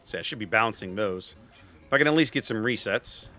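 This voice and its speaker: This game live streamer, a man with a lowish, expressive voice, talks a little fast with a sharp tone. He chats casually with viewers while commentating on his own gameplay, thinking aloud and sharing opinions, as faint game music plays.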